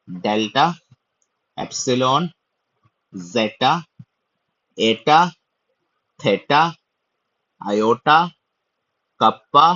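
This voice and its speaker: A man teaching the Greek alphabet, reciting the letters slowly and carefully and mixing in English. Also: on the low side, a bit bright, slightly rough, dry recording, muffled recording. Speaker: Bible language teacher.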